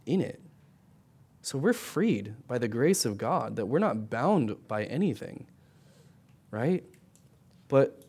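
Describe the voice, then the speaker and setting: A man's voice: mid-range voice, darkish tone. Middle-aged man preaching in a chatty way. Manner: conversational preaching with frequent tag questions; repeats and restarts words. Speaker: pastor. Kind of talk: sermon.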